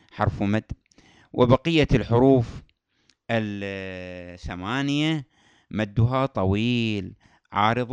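A man gives a patient lesson on recitation rules, often repeating key terms. His voice is smooth and resonant, and the recording is dry with no room sound. He chants verse examples slowly and melodically. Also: on the low side, dry recording. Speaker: Quran recitation teacher. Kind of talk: tajweed lesson.

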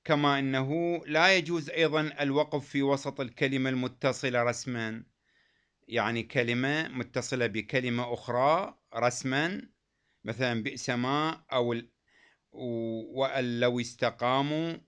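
The speaker is a man with a smooth, steady, slightly bright mid-range voice, teaching the rules of recitation in a dull lo-fi recording. Patient in his explanations, he repeats important phrases and slowly chants any verses he quotes.

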